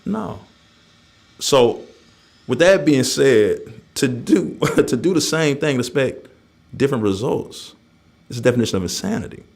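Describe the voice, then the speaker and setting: A man's voice: medium pitch, lively intonation, a little slow, gravelly, long pauses, a little mellow. A man talking candidly in an interview, emphatic and plain-spoken, often checking that his listener follows. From North Nashville, Tennessee, USA. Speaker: interview guest, community member.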